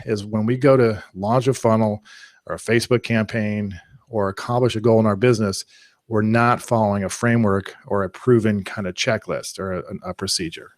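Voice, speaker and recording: A man leads a live online class, talking through his points in an energetic, conversational way. His voice sits on the low side and the recording is dry, with no room sound behind him. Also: no room sound. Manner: energetic, conversational, uses analogies. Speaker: webinar presenter.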